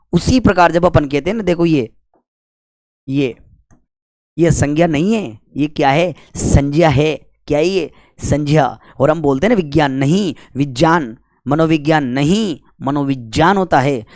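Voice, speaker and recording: Dry-voiced Hindi grammar teacher quizzing himself. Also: male voice, on the high side, a little mellow, no room sound. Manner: asks and answers his own questions, scolding and joking with students. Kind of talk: classroom lecture.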